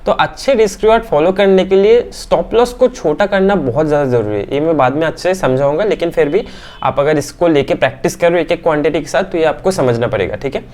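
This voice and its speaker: A man teaching trading as he walks through candlestick charts on screen, often checking in with his listeners and filling pauses with "aa". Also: a little high, darkish tone. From India. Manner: keeps checking in with "theek hai?"; talks through hesitations with "aa" fillers. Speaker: stock market teacher.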